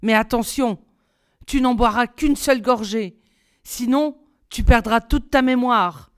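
A woman reading aloud, voicing a feisty, impatient young girl who scolds and urges in a sharp, raised voice. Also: fairly high pitch, measured pace, natural voice. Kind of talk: storybook reading.

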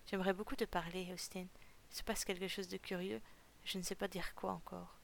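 Woman voicing Milo, a soft-spoken fisherman. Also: lowish voice, level tone, a little fast, vocal fry, a little hiss or hum. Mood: gentle.

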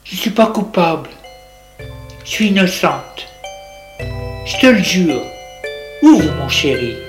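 Pleading young woman, read aloud by a narrator, coaxing, unhurried, radio story, roomy sound, music underneath. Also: medium pitch, sing-song. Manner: begging, coaxing. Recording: roomy echo with music behind.

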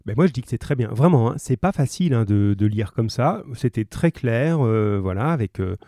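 A man's voice: mid-range voice, expressive, moderate pace, mellow, no room sound, studio quality. A man teaching a class over the radio, chatty and joking, full of fillers and restarts as he takes calls from pupils. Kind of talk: remote class on radio, casual and encouraging.

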